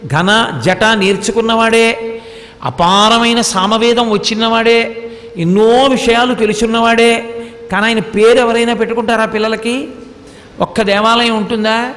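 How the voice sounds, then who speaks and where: A man's voice: high voice, fairly bright tone, in a large hall. A man giving a devotional discourse on scripture, telling the story with quoted dialogue and chanted verses. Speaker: religious discourse speaker.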